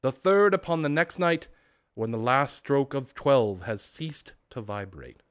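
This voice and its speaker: A man voicing a tormented old male ghost, speaking loudly, slowly and with great solemnity. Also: mid-range voice, expressive, pitched above the performer's own voice. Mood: thundering. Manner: loud, slow, declamatory. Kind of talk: storybook reading.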